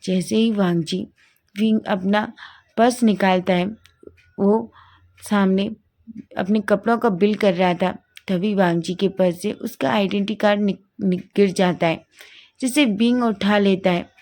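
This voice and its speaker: A woman's voice: medium pitch, a little mellow. A woman narrating a fan story in a plain retelling manner, often correcting herself mid-sentence.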